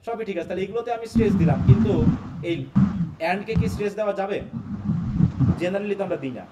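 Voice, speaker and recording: This is a live online English lesson led by a man with a Bangladeshi Bengali accent, who repeats explanations and puts questions to his students. He talks fast in a high-pitched voice against heavy background noise.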